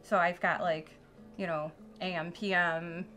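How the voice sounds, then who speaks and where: A woman's voice: fairly low pitch, flat delivery, measured pace, pushed and bright, soft background music. A middle-aged woman, a mother in a personal interview, recollecting and explaining in plain, informal words.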